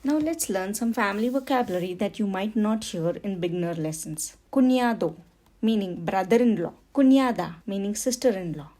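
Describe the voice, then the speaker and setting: A woman's voice: medium pitch, lively intonation, moderate pace, warm tone. A woman teaching a beginner Spanish lesson, patiently saying each word twice for learners. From India. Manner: patient, repeats words for learners. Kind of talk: slow beginner language lesson.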